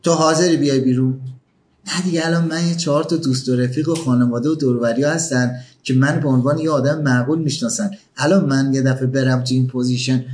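A man's voice: a little high, darkish tone. A man giving a motivational talk, pressing the listener with emphatic questions. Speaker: motivational speaker.

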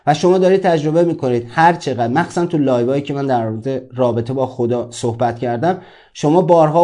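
A man's voice: a little high, mellow. A man teaching a self-help course, giving an informal motivational talk and speaking directly to his listeners in a conversational way.

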